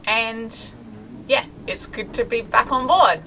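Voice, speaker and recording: A woman in her thirties with an Australian accent, chatting casually to camera from a small boat cabin, relaxed and full of ums. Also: on the high side, takes it slowly, vocal fry, recorded from a distance, background noise. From South Australia. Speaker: sailing vlogger. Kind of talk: casual vlog talk to camera.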